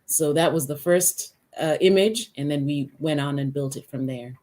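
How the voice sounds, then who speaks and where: A woman artist originally from Kenya, answering interview questions on a video call in a measured, hesitant way. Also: sits low, fairly even intonation, a little mellow. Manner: measured, hesitant with many uhs. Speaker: artist guest.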